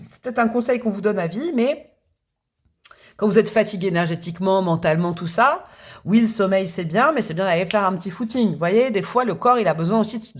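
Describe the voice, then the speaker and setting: A woman doing a tarot reading for the viewer, chatty and thinking aloud, with restarts and little hummed sounds. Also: medium pitch. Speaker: tarot reader.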